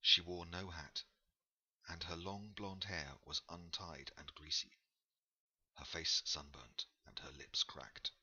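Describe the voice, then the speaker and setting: A man narrating a novel in a measured, unhurried storytelling manner. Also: low voice, fairly even intonation, sharp tone, breathy edge, lo-fi sound. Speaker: audiobook narrator. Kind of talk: scripted narration.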